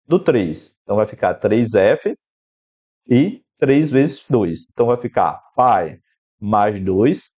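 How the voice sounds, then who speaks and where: Man, Brazilian Portuguese accent, mid-pitched teacher voice, explains step by step on a slightly muffled recording. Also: mellow. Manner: explanatory, working step by step through an equation, addressing the student directly. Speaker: math teacher. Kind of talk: exam-prep math lesson. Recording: slightly dull, lo-fi sound.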